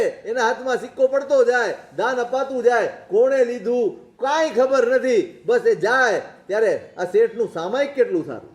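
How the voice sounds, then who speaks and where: A man preaches a sermon in a notably high voice, working through anecdotes and pointed rhetorical questions. His voice rings with the echo of a reverberant room. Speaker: Jain monk preacher. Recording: roomy echoing recording.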